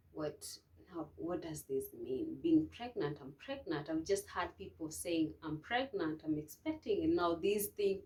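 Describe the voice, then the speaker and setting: A young woman telling a personal story to camera, emotional and hesitant, with many restarts and soft, trailing phrases. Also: fairly low pitch. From Kenya. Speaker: vlogger.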